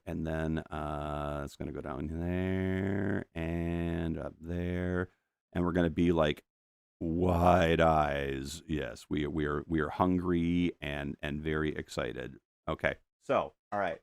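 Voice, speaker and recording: A man's voice: rumbling low, creaky, smooth, dry recording. A middle-aged man chatting casually while painting on a live stream, rambling and restarting his sentences, at a desk microphone in a home studio. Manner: rambling and self-interrupting, with frequent stammered restarts and chuckles.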